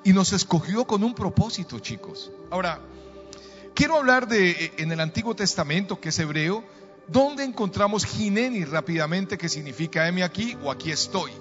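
Middle-aged pastor guy, high voice, long echo in a church hall, soft music under it. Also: animated, normal speed. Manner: storytelling, calls for audience responses. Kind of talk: sermon. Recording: dull sound, long reverb in a church hall.

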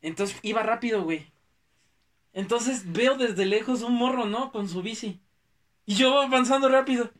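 A young man with a Mexico City accent, chatting casually and telling stories in animated, slangy talk. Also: very high-pitched, moderate pace, far from the mic. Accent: Mexico City Spanish. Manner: slangy, animated, acts out quotes. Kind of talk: casual chat, storytelling.

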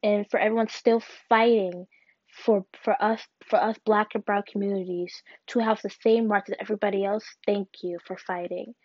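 A young woman hosting a solo podcast, talking in an earnest, halting way with restarts. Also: mid-range voice, no room sound. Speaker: podcast host. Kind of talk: solo personal podcast reflection. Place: alone at home. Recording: dull, dry lo-fi recording.

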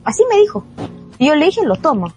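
A young woman tells her story in a casual podcast chat, acting out what her relatives said. Her voice sits high and swings widely in pitch. Soft music plays faintly behind her. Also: a little fast. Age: young adult. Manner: animated storytelling, mimics her father. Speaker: guest.

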